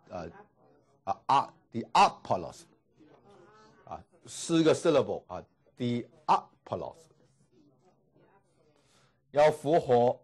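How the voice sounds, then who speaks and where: A male teacher lecturing a class at an unhurried pace, his voice sitting at an ordinary middle pitch. He stretches out each word and says it twice, sounding out syllables for his students. His pauses are filled with long drawn-out particles. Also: darkish tone. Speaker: Greek language teacher.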